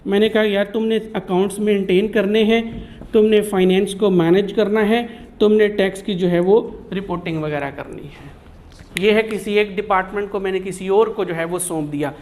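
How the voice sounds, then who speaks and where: A man's voice: high voice, moderate pace, a little mellow. A man giving a chatty classroom lecture, teasing his students and mixing in English terms. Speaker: teacher.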